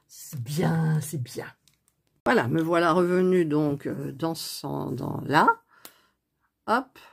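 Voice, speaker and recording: A woman chatting softly as she stitches at home, thinking aloud in a casual cross-stitch tutorial recorded on a phone on a stand. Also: low-pitched, slow pace, gravelly, breathy edge. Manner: speaks softly near the phone. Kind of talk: casual craft tutorial chat.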